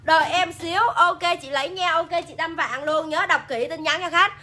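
Bright high-voiced Southern Vietnamese woman seller. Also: normal speed. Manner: chatty, reads viewer comments aloud and hypes products. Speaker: livestream seller. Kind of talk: casual live sales pitch.

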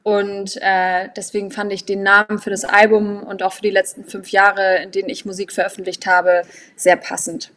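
A young woman from Hamburg talks as a guest singer over a laptop video call from a room at home. She speaks thoughtfully and relaxed, with plenty of fillers, at a middling pitch. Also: normal speed. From born in London, grew up in Hamburg. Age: young adult. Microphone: laptop webcam on video call.

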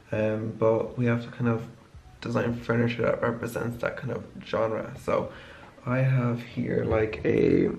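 Young male student vlogger, gravelly and monotone, tired, rambly storytime. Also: medium pitch, background noise. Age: young adult. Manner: rambling, heavy use of "like". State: tired from lack of sleep. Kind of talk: casual storytelling vlog. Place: home kitchen, indoors.

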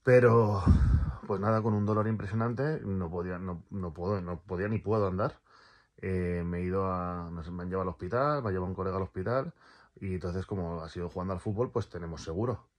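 A man's voice: low voice, a little fast. A man rambling casually through a personal vlog, repeating words and swearing freely, in pain from a torn calf. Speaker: vlogger.

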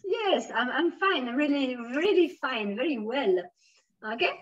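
A woman's voice: high-pitched, expressive, measured pace, breathy edge, highs cut off. A woman with a French accent teaching a beginners' French lesson, patiently modelling phrases and encouraging her students.

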